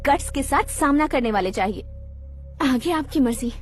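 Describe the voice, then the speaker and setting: An actress dubbing a sharp, demanding young daughter lecturing her politician father. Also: high-pitched, expressive, moderate pace, soft background music. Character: minister's sharp, spoiled young adult daughter. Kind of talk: Hindi film dub.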